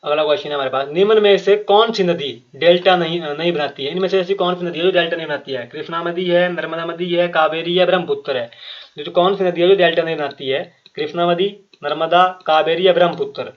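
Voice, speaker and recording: A man's voice: a little high, fairly even intonation, quick pace. A man teaching an exam-prep quiz lesson, reading each question and its options aloud, repeating them, then explaining the answer with fillers and restarts. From Himachal Pradesh. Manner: frequent fillers and restarts, addresses viewers directly. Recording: muffled lo-fi recording.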